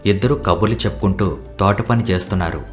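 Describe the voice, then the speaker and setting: A man's voice: sits low, fast, soft background music. A man reading a novel aloud as an audiobook narrator, voicing every character himself. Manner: plays all the characters himself. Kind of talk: storytelling narration.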